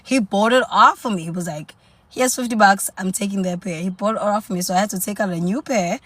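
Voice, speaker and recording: A young South African woman with a medium-pitched, somewhat bright voice talks fairly quickly and sassily on a dating lifestyle live stream, calling her viewers honey and girl. There's no echo in this casual chat.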